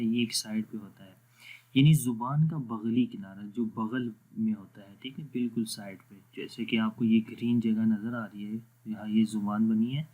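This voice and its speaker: A man with an Urdu accent teaching Quran pronunciation in an online tajweed lesson. He explains patiently, checks that students follow, and slowly stretches out letters in practice drills. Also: medium pitch, darkish tone. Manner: patient, explanatory, repeats "theek hai" to check understanding; drawn-out slow recitation of letter drills.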